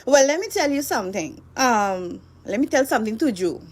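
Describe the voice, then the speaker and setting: A woman in her thirties, a blogger guest on a radio show in the studio, chatty and animated, laughing often. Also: on the high side, moderate pace. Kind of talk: conversational radio interview.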